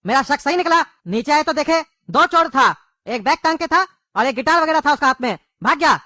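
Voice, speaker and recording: A woman's voice: high voice, animated, sharp tone, no echo, studio quality. A woman, playing an irritable father in a comedy sketch. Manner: fast, irritable.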